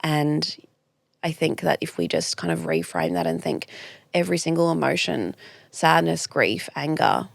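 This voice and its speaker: A woman guest on a podcast interview, a clinical nutritionist, speaks earnestly and reflectively with frequent restarts. Her voice is low with vocal fry and big pitch swings, at normal speed, in a dry recording.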